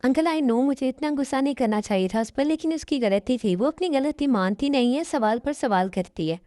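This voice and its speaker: A woman's voice: sits high, expressive, a little fast, warm tone, no room sound, studio quality. A woman voicing a hot-tempered young husband who speaks tensely and apologetically in a fan-made dub drama. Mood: apologetic.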